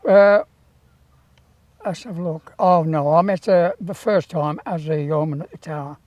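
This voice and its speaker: An elderly man in his eighties telling anecdotes from memory in an interview, in an unhurried, rambling way with hesitations. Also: on the high side, a little mellow, no echo. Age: 80s. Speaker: town crier and former Tower of London yeoman warder. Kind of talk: reminiscing in interview, anecdotal storytelling.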